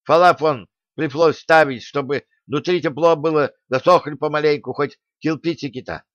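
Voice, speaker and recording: Toothless old village craftsman, a man voicing him: lisp, rustic chatter, raised pitch, dry lo-fi. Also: moderate pace, no echo, lightly acted. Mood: eager chatter. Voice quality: lisping, toothless. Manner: folksy rustic speech. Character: toothless old male craftsman, cheerful and eager. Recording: dull dry recording.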